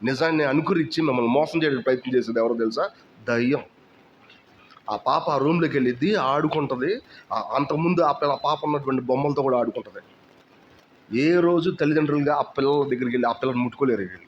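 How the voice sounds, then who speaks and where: Male pastor, conversational sermon delivery, muffled lo-fi recording. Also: quick pace. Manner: conversational preaching with rhetorical questions. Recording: dull low-fidelity recording with faint noise.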